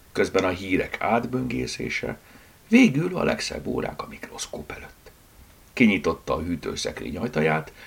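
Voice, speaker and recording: A man narrating a novel chapter with a deep, gravelly, husky voice. His reading is lively and sweeping in pitch, dropping into whispers for inner thoughts. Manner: expressive storytelling with whispered asides. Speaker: audiobook narrator. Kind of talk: scripted narration.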